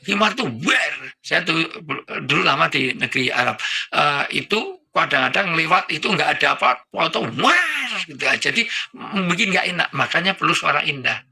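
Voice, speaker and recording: Man, gravelly husky voice, very bright tone, joking preacher on a talk show. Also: a little high. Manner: joking, acts out little dialogues and sounds.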